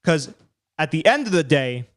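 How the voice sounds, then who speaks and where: A man's voice: on the high side, sing-song, normal speed. A man hosting a live stream, chatting casually and rambling as he breaks down fights. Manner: chatty, rambling, self-deprecating.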